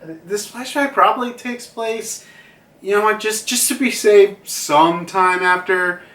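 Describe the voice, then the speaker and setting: A man's voice: sits high, measured pace, bright, forceful tone, distant mic. A man giving a casual, rambling review, full of fillers and restarts. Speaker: manga reviewer. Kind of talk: casual commentary. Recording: roomy, a bit off mic.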